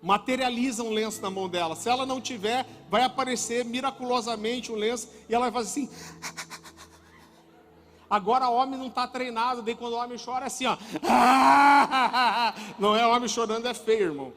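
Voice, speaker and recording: A male pastor preaching a sermon, an animated, joking storyteller who keeps calling the audience brother. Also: very high-pitched, quick pace, a little hiss or hum. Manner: turns soft and hushed near the end. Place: church hall. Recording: reverberant church hall with music.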